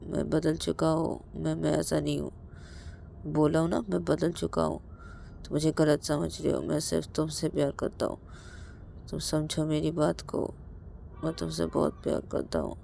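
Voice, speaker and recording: A woman's voice: low-pitched, flat delivery, measured pace, vocal fry, long pauses, warm tone, slight background noise, full character voice. A woman voicing a drunk young man who stammers and pleads that he has changed. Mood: pleading.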